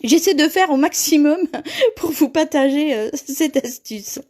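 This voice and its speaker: A woman's voice: high voice, normal speed, darkish tone. A woman hosting a live paper-craft tutorial, chatting with viewers and laughing often as she reads their comments.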